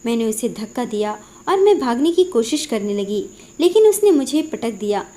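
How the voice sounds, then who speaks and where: Woman, emotional story narration, earnest, dramatic, mellow tone. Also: a little high, big pitch swings, normal speed.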